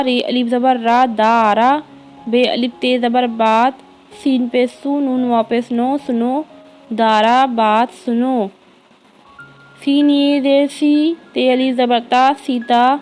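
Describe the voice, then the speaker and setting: A woman with an Indian accent, teaching an early reading lesson by spelling words out letter by letter, slow and drawn-out. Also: sits high, darkish tone, rough recording. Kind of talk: spelling lesson for young children.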